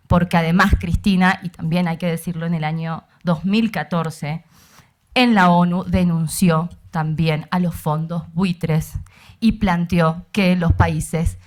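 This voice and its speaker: A woman giving an impassioned political speech on a panel, rallying and repeating phrases, with frequent fillers. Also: lowish voice. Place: university auditorium.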